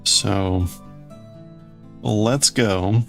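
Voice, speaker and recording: Drawing out his words with vocal fry, a man with a fairly low pitch hosts a casual livestream, faint music behind him. He rambles and exclaims as he greets and answers viewers, crafting and reading out the chat.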